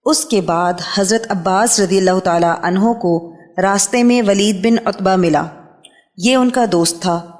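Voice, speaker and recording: A woman reading a religious history book aloud in a steady, measured way, announcing each new heading. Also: medium pitch. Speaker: book reader. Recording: long hall reverb.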